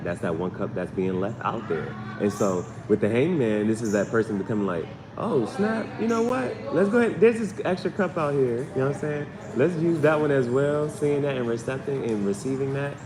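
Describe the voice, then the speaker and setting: Speaking at a moderate pace in a mid-range voice, this channel host gives a relaxed live tarot reading full of slang, often circling back to the same phrases while thinking aloud. Crowd noise fills the echoey room, and the background is loud.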